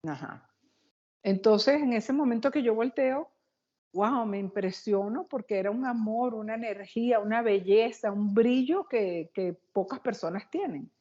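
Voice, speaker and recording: A woman being interviewed as a guest, telling a personal story in an animated, quick, excitable way. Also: fairly high pitch, lo-fi sound.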